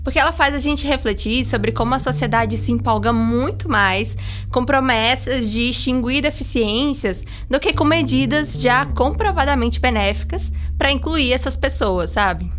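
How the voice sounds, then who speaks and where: A woman's voice: on the high side, fairly bright tone, a little hiss or hum. A Brazilian woman narrating a scripted podcast as a journalist, in an informal, conversational way.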